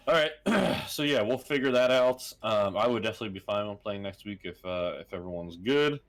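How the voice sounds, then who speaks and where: Deep-voiced man running a tabletop game. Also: lively intonation. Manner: halting, with many fillers and chuckles. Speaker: game master.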